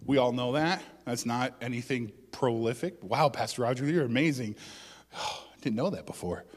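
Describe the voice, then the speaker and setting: A male pastor preaches a conversational sermon, mixing in joking asides and loud bursts of emphasis. His voice is mid-range and moves at a normal speed, with a big-room sound.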